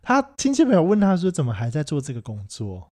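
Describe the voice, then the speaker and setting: A man with a Taiwanese Mandarin accent co-hosting a casual podcast chat, joking and breaking into loud laughter. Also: on the high side, wildly swooping pitch, fast talker. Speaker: podcast co-host. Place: studio room with echo.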